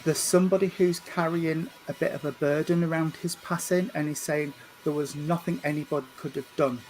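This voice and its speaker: A man, working as a medium and giving a spirit reading at a church service. He speaks gently and reassuringly, often stumbling over and repeating his words. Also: fairly high pitch, steady tone, fairly quick, a little hiss or hum, poor audio. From England. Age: 50s. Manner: hesitant, repeats and restarts words.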